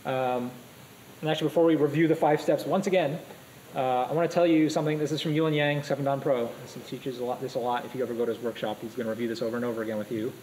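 A man giving a live lecture on a board game to a class, energetic and quizzing students with questions. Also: mid-range voice, very fast, slight background noise, low-quality recording. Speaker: go teacher.

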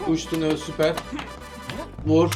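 Guy with a high-ish voice doing casual game commentary, playful, keeps yelling quick commands, loud game music under it. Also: monotone. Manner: eager coaching, rapid cheering commands; playful, laughs often. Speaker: gaming channel host. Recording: game music playing loudly behind.

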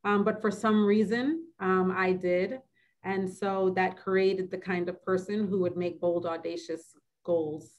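A woman of middle pitch talks as a guest in a webinar interview. She is earnest and reflective, and she often pauses with "um" and restarts her sentences as she thinks. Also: steady tone, darkish tone, muffled recording. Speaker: public health physician, interview guest.

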